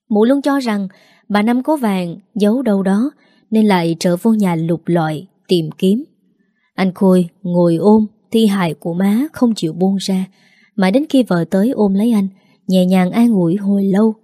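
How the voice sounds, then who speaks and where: A woman narrating a sad family story in a gentle, steady way. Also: mid-range voice, no room sound, clean studio sound. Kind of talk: scripted narration.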